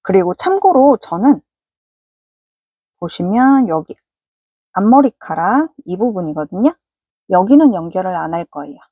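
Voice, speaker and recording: A woman's voice: mid-range voice, expressive, measured pace, pauses often, mellow, slightly rough, dry recording. A woman giving a patient, polite step-by-step crochet tutorial. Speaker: crochet instructor.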